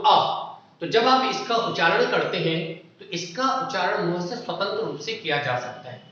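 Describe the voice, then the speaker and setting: A man's voice: high-pitched, sharp tone. A man teaching a grammar lesson for exam preparation, explaining step by step and putting questions to the class. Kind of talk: exam-prep Hindi grammar lecture. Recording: echoey room, dull lo-fi sound.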